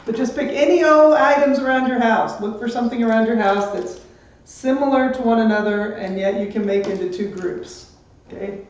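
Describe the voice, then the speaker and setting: A man's voice: high voice, background noise. Man teaching a live class, echoey far mic. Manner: chatty, upbeat, greets students by name. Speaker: math teacher. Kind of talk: live-streamed class lesson. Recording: distant echoey muffled room mic.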